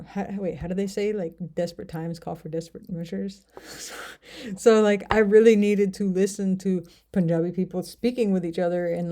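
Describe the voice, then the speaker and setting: This is a language learner vlogger, a woman from the United States, chatting to camera in a casual vlog. She speaks with a fairly low, warm voice, wandering through her thoughts with frequent fillers and hesitation.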